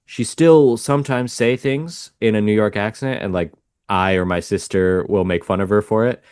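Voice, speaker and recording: Deep-voiced slow-speaking man. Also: clear, resonant tone, no echo, studio quality. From United States. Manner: relaxed, thoughtful, hedging. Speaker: native English-speaking conversation partner. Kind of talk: casual conversation.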